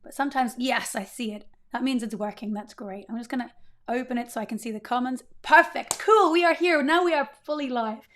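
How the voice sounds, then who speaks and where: Hosting a live coding stream at her desk, a woman in her thirties speaks a little fast in a fairly high, somewhat bright voice, cheerfully chatting and frequently welcoming viewers. Her voice is still a bit strained from recovering, and the recording has a faint hiss or hum.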